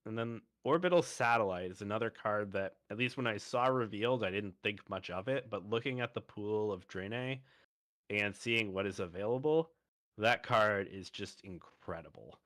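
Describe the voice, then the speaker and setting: A man's voice: lowish voice, moderate pace, a bit bright. A man hosting a podcast, talking through card games in a thoughtful, casual way. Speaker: podcast host.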